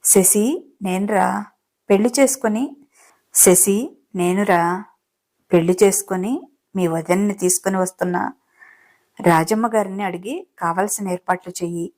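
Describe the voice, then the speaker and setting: A doting young husband from a romance audiobook, rich and teasing, who coaxes his bride with tender, playful words, as a woman narrator reads his lines. His voice sits at an ordinary middle pitch, close to everyday speech. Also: fairly even intonation, moderate pace, pauses often, a little mellow, lightly acted. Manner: affectionate, playful coaxing. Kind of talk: audiobook character reading.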